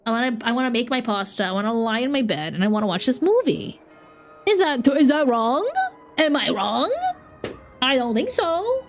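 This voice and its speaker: This young streamer sounds animated, with a fairly high voice at a normal speed and soft music in the background. Sick and sniffly with a cold, she giggles and rambles in easygoing livestream chat from home, breaking off her own sentences.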